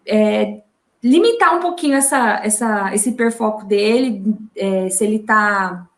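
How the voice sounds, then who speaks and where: A Brazilian woman, a mother, talking in a casual interview with halting speech and many restarts. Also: medium pitch, reverberant. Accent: Brazilian Portuguese. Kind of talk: casual video call interview. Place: home.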